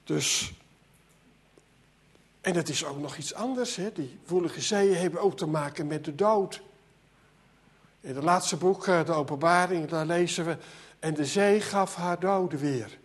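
Male preacher, high voice, earnest sermon delivery, stutters and repeats words. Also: unhurried, long pauses, breathy edge. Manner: earnest, repeats words, voice rises and drops sharply.

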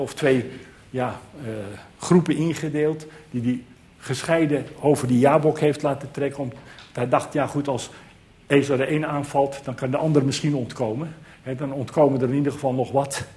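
A man's voice: mid-range voice, a little mellow. A man preaching a sermon, earnest and emphatic, repeating key phrases for weight.

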